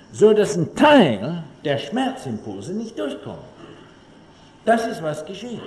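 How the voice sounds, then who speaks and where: Animated male lecturer in echoey hall. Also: fairly high pitch. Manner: animated, humorous storyteller addressing audience. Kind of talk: public lecture with anecdotes. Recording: echoey hall, faint room ambience.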